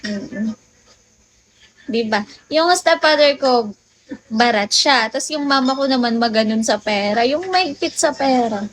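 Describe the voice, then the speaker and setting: On a late-night phone livestream, a woman from the Philippines chats casually with viewers, telling stories and laughing often. Her voice is a little high and animated, and she speaks a little slowly with long pauses.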